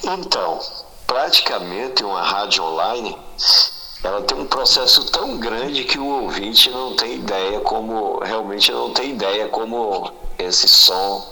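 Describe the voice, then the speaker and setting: Man, call-in guest, speakerphone sound, bright tone, patient explainer. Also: on the low side, a little slow, low-quality recording. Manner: explains patiently with everyday comparisons. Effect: heard over a phone on speakerphone. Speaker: radio guest on the phone. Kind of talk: explaining by phone in casual conversation.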